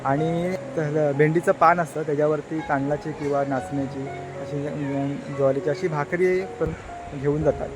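A man's voice: a little high, steady tone, normal speed, music in the background, poor audio. A man from the Konkan region, narrating a village vlog in a chatty way, talking straight to viewers and often restarting his sentences. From Konkan, Maharashtra. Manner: chatty, addresses viewers directly, frequent restarts. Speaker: village vlogger. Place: village home and outdoors.

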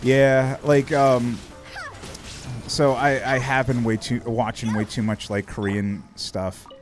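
A man's voice: mid-range voice, level tone, slow pace, faint music behind. A man streaming and chatting casually, rambling and swearing offhandedly. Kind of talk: casual chat.

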